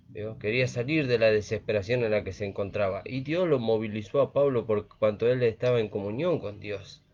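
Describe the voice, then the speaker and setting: A man's voice: on the low side, a little mellow. A man preaching a sermon, earnest and repetitive, often asking "¿vio?". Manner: earnest, repeats phrases with frequent "¿vio?". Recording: dull lo-fi recording.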